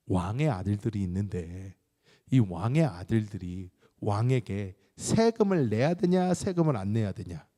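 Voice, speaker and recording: A pastor voicing Jesus as a calm, gentle teacher, speaking softly and slowly. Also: male voice, on the low side, voice pushed down. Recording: long reverb of a large hall.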